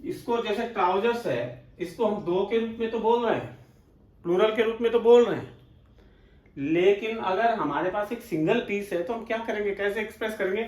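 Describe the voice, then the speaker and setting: A man's voice: high-pitched, normal speed, darkish tone, roomy sound. A man with an Indian English accent teaching English grammar as a classroom lecture, explaining step by step and asking and answering his own questions.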